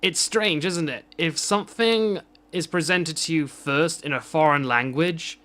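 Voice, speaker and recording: A man's voice: on the high side, a little slow, a bit bright. A man ranting off the cuff in a vlog, rambling and self-mocking with frequent restarts. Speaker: vlogger. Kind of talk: unscripted rant.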